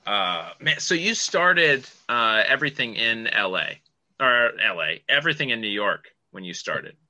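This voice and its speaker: A man chatting casually as an interviewer, agreeable, with slightly halting questions. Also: mid-range voice, very animated, bright, forceful tone, rough recording. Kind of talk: casual chat.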